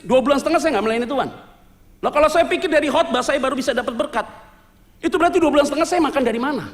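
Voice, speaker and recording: Male pastor, high-pitched, animated storyteller, church reverb. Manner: lively storytelling with jokes, mixing Indonesian slang and English words. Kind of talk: sermon testimony. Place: church sanctuary.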